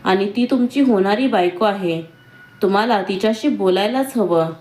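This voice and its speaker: A timid young woman from a read-aloud love story, as a woman narrator puts her on. She speaks softly and hesitantly, with a pleading edge. Her voice sits at a middle pitch. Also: moderate pace, close to an everyday voice. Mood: hurt.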